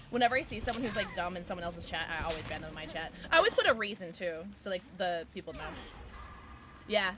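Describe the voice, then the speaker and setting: A female streamer with a low alto voice chats casually with her viewers while gaming. She's sarcastic and quick to burst into squeals and laughter.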